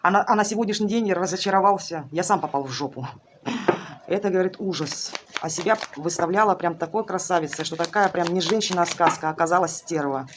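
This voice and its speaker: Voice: medium pitch, quick pace, lightly acted. A tarot reader voicing a disappointed middle-aged husband who grumbles coarsely in the first person about his regrets. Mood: rueful. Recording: noisy recording with clicks.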